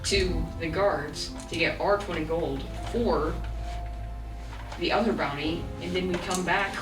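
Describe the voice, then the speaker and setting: A woman's voice: lowish voice, measured pace. A woman speaking casually as a player in a tabletop game. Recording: echoey room, distant mic, loud music.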